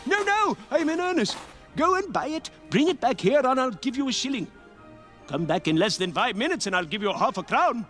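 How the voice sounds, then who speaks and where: Cackly old miser in a film, super high squeaky swoopy voice, music behind. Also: male voice, big pitch swings, fast, hardly any pauses, bright, forceful tone, exaggerated voice. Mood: elated. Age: older. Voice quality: cackling, breathless giggles. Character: old male miser Scrooge, giddy and reformed. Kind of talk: film acting. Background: film score.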